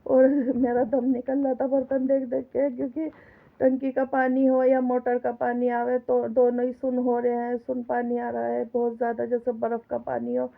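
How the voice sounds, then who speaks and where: A woman's voice: on the high side, monotone, moderate pace, vocal fry. A middle-aged woman with a sore throat and cough chatting to viewers while she cooks, in a home kitchen filmed on a phone. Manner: chatty, complaining, talks straight to viewers. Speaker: home vlogger. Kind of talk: casual vlog chatter while cooking. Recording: tinny phone-like sound.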